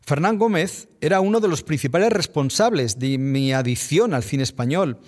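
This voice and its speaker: A man with a Spanish accent hosting a podcast, reading a scripted narration in a measured, reflective way. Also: a little high, expressive, a little mellow. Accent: Spain Spanish. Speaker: podcast host.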